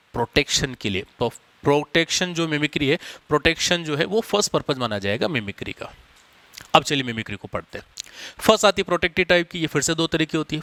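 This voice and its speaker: A man's voice: on the high side, fairly bright tone, no echo. A man teaching a biology lesson, explaining step by step and addressing his students as children. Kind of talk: classroom biology lecture.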